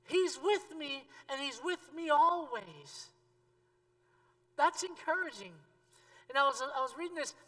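A man in his thirties preaching a sermon on a church stage, talking straight to the congregation and swinging from emphatic peaks to quiet asides. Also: very high voice, animated, a little slow, pauses often. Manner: conversational, addresses the congregation directly. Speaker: pastor. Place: church stage with a seated audience. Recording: long reverb of a church hall.

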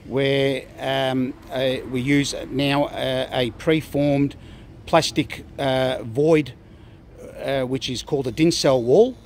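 A middle-aged Australian man giving a casual, halting walkthrough of an outdoor building site, filled with ums and uhs. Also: mid-range voice, a little hiss or hum. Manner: plain-spoken, many ums and uhs, halting restarts. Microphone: handheld phone camera.

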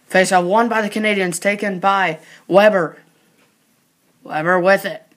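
This medium-pitched commentator rattles off frantic play-by-play for a mock hockey game. He's excitable, speaks in short clipped bursts, and readily raises his voice.

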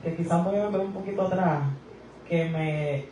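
A woman's voice: lowish voice, steady tone, normal speed, dark tone, slight background noise. A woman giving a church testimony, earnest and praising God between memories. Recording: echoey, from far off the mic.

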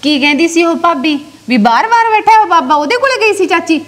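A woman's voice: extremely high pitch, lively intonation, fairly quick, a bit bright. A woman playing a firm, sensible village sister. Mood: concerned. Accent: Malwai Punjabi. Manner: firm, lecturing, scolding. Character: sharp, sensible village sister, young adult.

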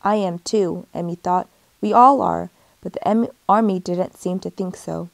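A woman reading a picture book aloud in a gentle storytelling manner, briefly giving the characters their own voices. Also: lowish voice, fairly even intonation, moderate pace, vocal fry, no echo. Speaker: storybook reader.

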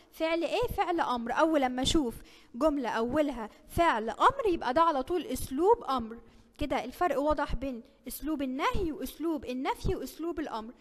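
A woman's voice: high voice, long reverb tail. An Egyptian woman teacher giving a recorded lesson to young children, coaxing them along with many rhetorical questions. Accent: Egyptian Arabic. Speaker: primary school teacher.

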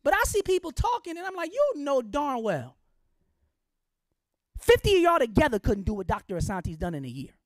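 A woman's voice: sits high, big pitch swings, a little fast, no room sound, clean studio sound. A middle-aged woman giving an impassioned public lecture, blunt and colloquial, firing off rhetorical questions in a preachy, fiery way.

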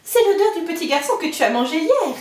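Ogre's wife, tall, anxious but kind, high lively delivery; a woman puts her on, roomy distant sound. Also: fast talker. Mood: urgent. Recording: roomy, mic far off.

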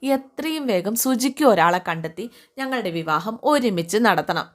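A woman's voice: mid-range voice, animated, normal speed, natural voice. A woman voicing a cheerful young bride-to-be who talks eagerly, in a retelling of a TV serial.

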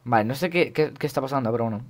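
A young Spanish gaming YouTuber with a Spain Spanish accent and a medium-pitched voice commentates his gameplay. He is jokey and excitable, repeating words in quick bursts.

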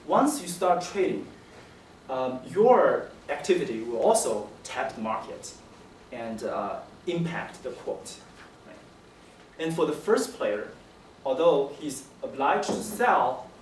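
A young man giving an academic presentation as a PhD candidate, with a halting, hesitant delivery and repeated words. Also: mid-range voice, a little mellow. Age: young adult. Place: indoor seminar room. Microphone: distant camera microphone. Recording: echoey room, distant mic, faint noise.

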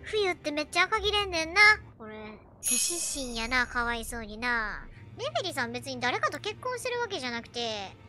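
A woman with a Kansai accent giving excitable, chatty, joking commentary while playing a video game. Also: sits high, brisk, hardly any pauses. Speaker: game streamer. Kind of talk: let's play commentary. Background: loud game music and sounds.

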